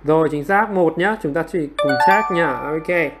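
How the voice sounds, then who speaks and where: A man with a fairly high voice runs a livestream English quiz from his home computer. He keeps prodding the class for answers, and he shrugs off his own slip-ups with quick, self-mocking apologies. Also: music in the background. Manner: coaxing, repeatedly prodding students for answers. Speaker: online English teacher.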